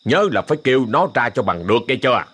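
A stern exorcist barks orders brusquely, as a male narrator voices him. The husky voice swings widely in pitch while he scolds through an audio ghost story. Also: very animated, quick pace, fairly bright tone. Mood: scolding.

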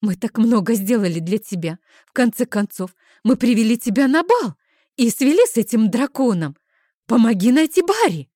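A shrill, insistent young woman friend, excitable and bossy, as a woman narrator puts her on. Her voice climbs high and loud with every demand. The reading is dry and close. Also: moderate pace, no echo, close to an everyday voice. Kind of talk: audiobook character voice.

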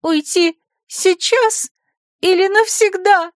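A woman voicing a spoiled, tearful young female secretary who stammers and whines in a squeaky voice. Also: slow, no room sound, clean studio sound. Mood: whiny.

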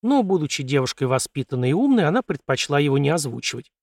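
A man's voice: a little high, big pitch swings, fast talker, darkish tone, no echo. Male audiobook narrator, dry close voice. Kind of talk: scripted narration.

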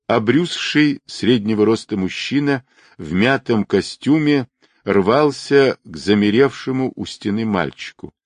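A man reading a novel aloud as an audiobook narrator, voicing all the characters in a lively, dramatic way. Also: dry recording. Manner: lively, dramatic reading with wide swings in pitch.

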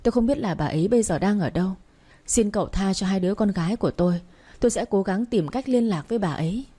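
A woman's voice: medium pitch, lively intonation, fast, warm tone, slightly rough. A woman reading aloud, voicing a frightened middle-aged man who pleads for mercy for his daughters in a storybook. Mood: begging. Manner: pleading, desperate.

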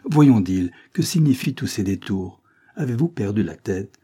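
A man voicing a brisk, impatient lawyer who speaks curtly in a storybook reading. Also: mid-range voice, dark tone, breathy edge, voice pushed up, natural voice. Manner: curt, impatient. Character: brisk, impatient middle-aged male lawyer.

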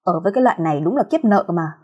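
Woman doing grumpy foul-mouthed middle-aged lady, scolding, husky-ish. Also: on the low side, lively intonation, rapid-fire, darkish tone. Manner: grumbling, cursing, scolding. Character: coarse, scornful middle-aged woman neighbor.

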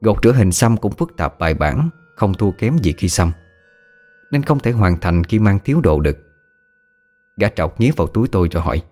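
A man narrating a first-person audio story in a steady storytelling manner. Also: deep voice, brisk, faint music behind.

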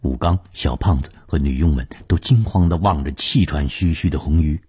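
Very deep, husky-voiced male storyteller. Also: normal speed. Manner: dramatic, expressive reading with hushed suspense passages. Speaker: narrator. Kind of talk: radio storytelling of a suspense novel.

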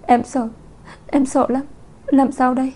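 Female narrator doing a high, pleading young woman, clingy and sobbing, mellow-toned storybook voice. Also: steady tone, a little fast. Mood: frightened pleading. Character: frightened tearful young woman clinging to her lover.

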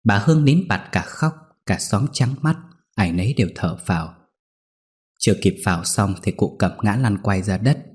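A man narrating an audio story in a lively storytelling manner. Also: fairly low pitch, moderate pace. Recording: faint background music.

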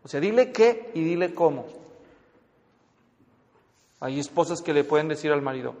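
A man giving a lively, joking seminar talk and acting out spouses' lines. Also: fairly high pitch, normal speed. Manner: animated, jokey, acts out spouses' lines. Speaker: marriage counselor and speaker. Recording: dull, lo-fi sound in a reverberant hall.

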